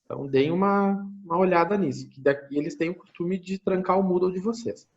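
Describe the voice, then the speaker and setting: Speaking fairly quickly in a high-pitched voice, the Brazilian Portuguese-accented university lecturer leads an online class with screen sharing. He goes step by step, thinks out loud and frequently checks on his listeners, and the sound is lo-fi.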